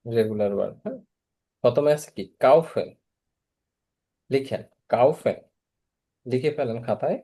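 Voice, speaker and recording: A man's voice: medium pitch, lively intonation, normal speed, long pauses, mellow. A man teaching German verb conjugation in an online class, patiently repeating each form and asking students to respond.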